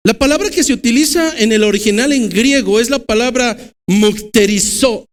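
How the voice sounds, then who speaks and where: High-voiced Mexican pastor preaching. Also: male voice. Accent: Mexican Spanish. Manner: preaching with swings from loud emphatic bursts to low slow stresses. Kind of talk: sermon. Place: church.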